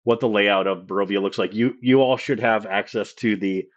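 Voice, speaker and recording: Rambling low-voiced male game master. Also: fairly even intonation, highs cut off. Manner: rambling, halting, many fillers. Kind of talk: live-streamed tabletop game narration.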